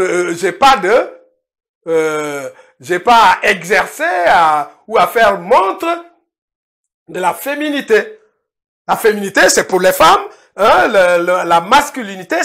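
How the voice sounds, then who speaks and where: Middle-aged man teaching a language class, slow and repetitive, voice bouncing up and down a lot. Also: high voice, a bit bright. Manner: scolding then explanatory, repeats words slowly. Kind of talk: lecture-style language lesson. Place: indoor room, filmed by a cameraman.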